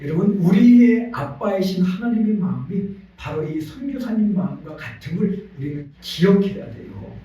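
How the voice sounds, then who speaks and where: A man's voice: sits high, moderate pace, few pauses, lo-fi sound. A male pastor preaching a Sunday sermon in a church, telling stories with feeling and leading the congregation in repeating after him. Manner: animated storytelling preacher, leads congregation in call-and-response. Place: church sanctuary. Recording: echoey church hall, voice from a distance.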